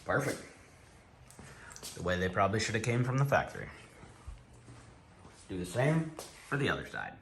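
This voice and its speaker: A man's voice: fairly low pitch, moderate pace, gravelly, pauses often, a little hiss or hum. A man casually explaining a car part install step by step as he works, for a time with a lollipop in his mouth. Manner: talking while working with his hands, relaxed and matter-of-fact. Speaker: car owner doing an install video. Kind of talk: casual how-to narration.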